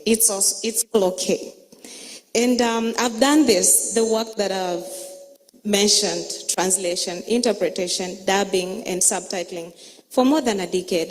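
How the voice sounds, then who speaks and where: A woman from Tanzania opens a conference as its emcee, speaking in a measured, emphatic cadence. She lingers on each item as she lists it. Her mid-pitched voice carries a long reverb from the hall around her. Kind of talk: opening conference address.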